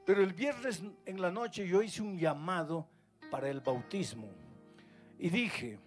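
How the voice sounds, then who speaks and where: A man's voice: animated, a little slow, faint music behind. Man preaching a dramatic story sermon. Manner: dramatic storytelling, loud rising peaks then soft low drops. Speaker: pastor. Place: live university event.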